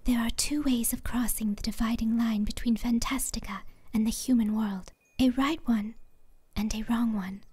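Woman doing a serene childlike empress from a fantasy story, highish breathy voice, whispery and gentle. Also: steady tone, normal speed. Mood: grave, calm. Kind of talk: fantasy audiobook character dialogue.

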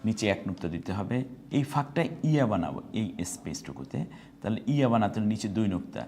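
A man's voice: fairly low pitch, big pitch swings, darkish tone, slight background noise. A man teaching Quran reading, patiently naming letters and their dots one by one. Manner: chanted recitation, slow and drawn out. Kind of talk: step-by-step lesson on Arabic letters.

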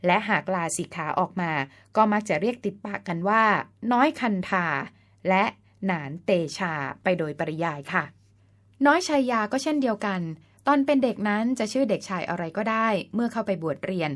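A woman's voice: medium pitch, expressive, moderate pace. A woman hosting a folk-tale channel, narrating a scripted story in a polite, explanatory way and sometimes spelling out words letter by letter. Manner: polite, explanatory, ends phrases with the particle ka.

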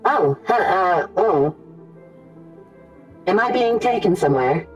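A woman voicing a small, old, curious robot navigator in a tabletop game, with a bright, wondering manner. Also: fairly low pitch, expressive, takes it slowly, distant mic, soft background music.

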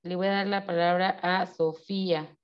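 A woman giving an online seminar talk, explaining slowly and putting questions to her audience. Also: fairly low pitch, level tone, lo-fi sound. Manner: slow, explanatory, asks the audience questions and acts out baby and mother voices. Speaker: seminar speaker.

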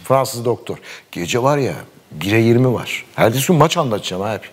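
A middle-aged man tells a long anecdote in a relaxed conversation. His voice swings widely in pitch as he quotes the people in the story, and he breaks into laughter often. He speaks at an ordinary middle pitch. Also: moderate pace. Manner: animated anecdote-telling, quoting dialogue and laughing often. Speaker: sports commentator guest. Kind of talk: casual storytelling chat.

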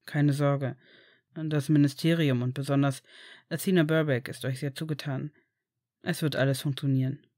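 A woman voicing a reserved, quietly warm grown man in a storybook reading, speaking low and measured. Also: fairly even intonation, dry recording, clean studio sound, close to an everyday voice. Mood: reassuring.

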